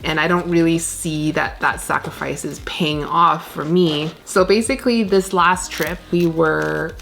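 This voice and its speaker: A woman's voice: deep voice, fairly even intonation, unhurried, creaky, a bit bright, slight background noise. A woman, chatting casually while repotting plants at home, rambling with lots of fillers. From Canada. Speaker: plant vlogger. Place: indoor plant room, shelves of plants. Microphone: camera on desk, medium framing.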